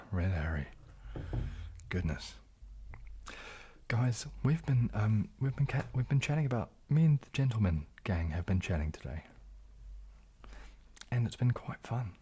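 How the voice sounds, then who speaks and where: Hosting a live ASMR stream, a YouTuber reads and replies to viewer comments in a hushed, breathy, frequently half-whispered voice. He has a soft New Zealand accent that can pass for British, a fairly low pitch, and a very animated manner, while staying polite and halting.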